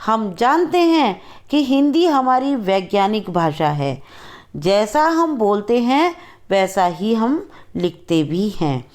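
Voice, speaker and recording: A woman teaching a Hindi grammar lesson, saying words slowly and carefully and repeating them as pronunciation drills. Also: medium pitch, very animated.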